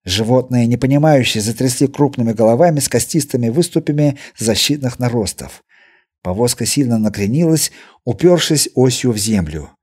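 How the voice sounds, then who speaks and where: A man narrating an adventure audiobook with expressive storytelling. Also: mid-range voice, moderate pace, breathy edge. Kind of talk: scripted narration.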